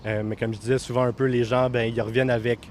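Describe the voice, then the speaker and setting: A man with a Québécois accent talks casually on the street, full of pauses and fillers. Traffic rumbles faintly around him outdoors. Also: flat delivery. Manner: casual and hesitant, many fillers. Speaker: community worker. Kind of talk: street interview. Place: outdoors near a metro station.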